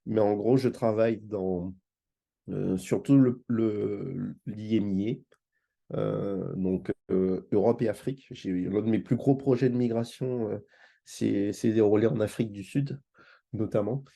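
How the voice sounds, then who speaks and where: Unhurried and steady, a man with a fairly low, creaky, mellow voice presents informally at a conference. He comes from Martinique, France, and is a guest speaker working as an engagement manager; his explanations are hesitant, with words repeated.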